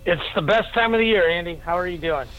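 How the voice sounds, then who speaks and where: Male co-host calling in by phone, thin lo-fi line, relaxed and thoughtful, some restarts. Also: high-pitched, fast talker. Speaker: co-host, rankings analyst. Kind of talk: sports podcast chat.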